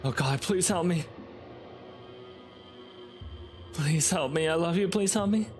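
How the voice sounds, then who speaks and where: A man's voice: high voice, steady tone, unhurried, creaky, soft background music, pitched above the performer's own voice. A man voicing a terrified, wounded young person in a game who begs repeatedly to be let go. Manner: pleading, frightened, repetitive.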